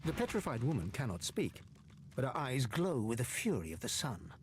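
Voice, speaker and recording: A man playing a dramatic storyteller, narrating a fantasy video game in a measured, theatrical way. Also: mid-range voice, very animated, slight background noise, natural voice.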